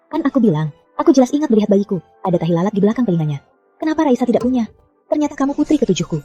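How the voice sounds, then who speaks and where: Casting: quick-talking, warm-toned sharp-tongued rich mother. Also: on the high side, big pitch swings, breathy edge, faint music behind. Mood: moved. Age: middle-aged. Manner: brisk and scolding. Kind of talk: dubbed drama acting.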